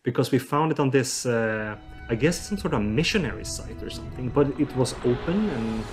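A man's voice: medium pitch, lively intonation, brisk, over music. A researcher explains his work as a podcast guest. The man hesitates often and restarts his sentences with fillers. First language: Swedish. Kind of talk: podcast interview.

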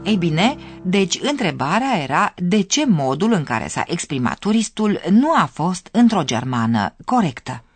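A radio lesson host reading scripted narration clearly, explaining and addressing listeners directly. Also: medium pitch, big pitch swings, few pauses, soft background music.

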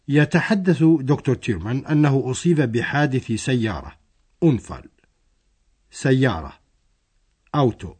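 A man's voice: medium pitch, darkish tone. A man narrating a scripted language lesson, explaining a dialogue step by step.

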